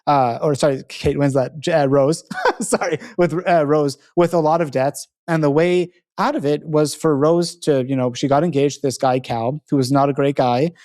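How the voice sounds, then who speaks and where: The podcast host here has a voice on the high side, darkish in tone, steady and at normal speed. His talk is casual and a little rambling, full of "like" and "you know," with frequent self-corrections.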